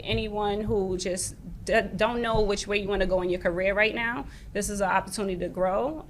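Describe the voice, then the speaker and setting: A woman's voice: slight background noise, rough recording. A woman, an EMS lieutenant, encouraging people to join with energy and casual fillers. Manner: encouraging, energetic pitch to recruits. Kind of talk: casual podcast talk.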